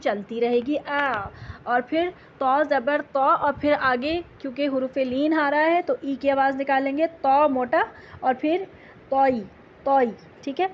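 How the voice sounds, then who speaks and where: A woman teaching tajweed, patiently explaining letters and reciting Quranic verses slowly. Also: high voice, dull audio, slight background noise.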